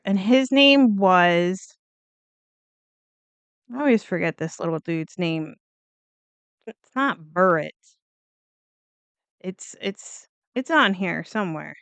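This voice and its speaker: A woman in casual commentary who talks bluntly and wanders into side remarks. Her voice is smooth and resonant. The recording is dry, with no room sound around it. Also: mid-range voice, fairly bright tone, no echo. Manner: blunt, chatty, swears, goes off on tangents. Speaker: true crime video host. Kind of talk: casual true crime commentary.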